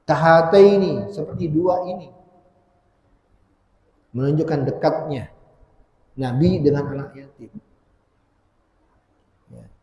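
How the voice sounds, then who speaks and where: A man's voice: fairly high pitch, takes it slowly, pauses often, mellow. A man giving a Quran commentary lecture in a mosque, with an Indonesian accent, asking the audience questions and repeating key words for emphasis. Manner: asks the audience questions, stresses points by repeating them. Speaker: religious teacher. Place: mosque hall. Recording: echoey hall with long reverb.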